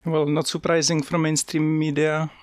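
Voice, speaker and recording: A man's voice: on the high side, monotone, moderate pace, no echo. A man from the Republic, speaking English as an in an earnest, plain way as an interview guest. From Czech Republic. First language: Czech. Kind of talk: casual conversation.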